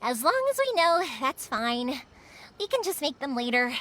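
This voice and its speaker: A woman's voice: high voice, sing-song, moderate pace, a bit bright. An actress playing a chatty, spirited young woman who runs a fireworks shop and speaks patiently to her deaf father. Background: game music.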